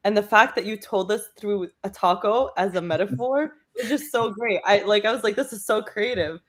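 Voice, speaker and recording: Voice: mid-range voice, normal speed, fairly bright tone. A judge in a casual livestream chat, bubbly and full of fillers. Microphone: video call.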